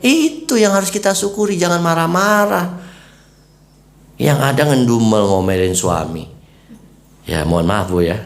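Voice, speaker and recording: A male preacher speaks to a women's study group. His voice swings from low murmurs to sudden high peaks as he acts out homely scenes. The room around him echoes. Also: creaky. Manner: lively, swings pitch high to stress points, acts out little scenes.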